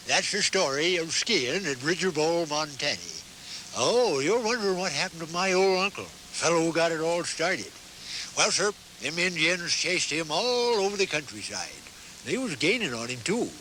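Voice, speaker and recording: Lively folksy old prospector, Western drawl. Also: male voice, fairly high pitch, a little hiss or hum, rough recording. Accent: American Western. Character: folksy old-time cowboy prospector spinning tall tales, chuckling. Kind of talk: folksy tall-tale promotional film narration. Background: music.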